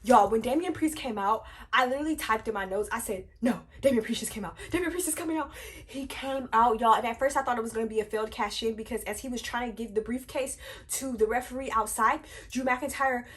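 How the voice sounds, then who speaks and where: A young woman excitedly recapping a wrestling event for her viewers, chatty and animated, calling out to them as y'all and full of fillers. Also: a little high, brisk. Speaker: wrestling review vlogger.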